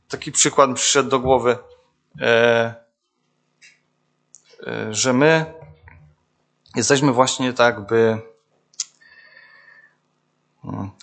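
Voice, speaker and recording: A man's voice: medium pitch, fairly bright tone. A young man giving an informal sermon, searching for words with many fillers and restarts, often turning to the listeners. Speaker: preacher.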